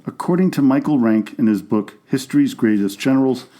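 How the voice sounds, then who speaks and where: Reading from a script, a man narrates a history podcast in a warm, mellow voice of middle pitch. His delivery is brisk yet steady and informative.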